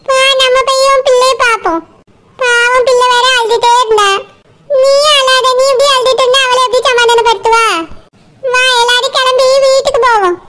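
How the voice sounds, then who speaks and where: A soothing village aunt. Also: female voice, very high-pitched, steady tone, moderate pace, bright, forceful tone. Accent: Tirunelveli Tamil. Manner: soothing, motherly. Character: caring older village aunt who soothes the family.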